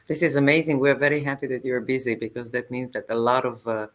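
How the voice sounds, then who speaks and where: A woman hosting an online meetup over a video call, speaking haltingly with many fillers and restarts. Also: very deep voice, little pitch movement, rough recording. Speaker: meetup host.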